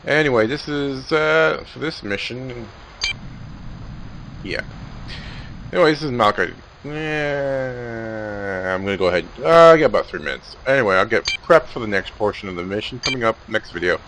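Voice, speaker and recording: A man chats casually over his own gameplay in a rambling, offhand way. His mid-pitched voice moves in a lively way, with clear game noise underneath. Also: moderate pace, poor audio. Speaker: gamer commentating his own playthrough.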